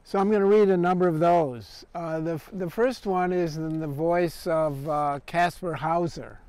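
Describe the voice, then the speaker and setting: A man poet introducing his poems at a reading, halting, with many fillers and restarts. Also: a little high, fairly even intonation, a little mellow, clean tone, dry recording. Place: arts venue.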